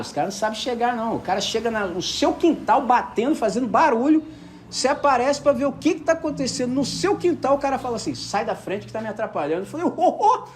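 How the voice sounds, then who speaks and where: Animated preacher man, lively swooping voice. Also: high voice, slight background noise. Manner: animated storyteller, keeps asking the audience if they follow. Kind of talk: conversational sermon with personal stories.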